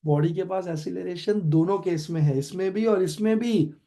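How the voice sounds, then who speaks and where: A man with an Indian accent teaching physics online, quizzing students with quick questions and switching between Hindi and English. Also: high-pitched, warm tone. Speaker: physics tutor. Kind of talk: online classroom lecture.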